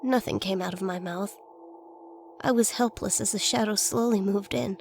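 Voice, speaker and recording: Female horror narrator, scripted first-person tale, mid-pitched, slight background noise. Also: moderate pace, a little mellow. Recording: faint noise and ambience behind voice.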